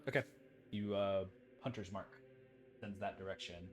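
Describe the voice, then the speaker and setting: A man's voice: sits low, steady tone, normal speed. A man acting as game master, narrating combat in a casual way that often breaks into laughter. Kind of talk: running a tabletop game session.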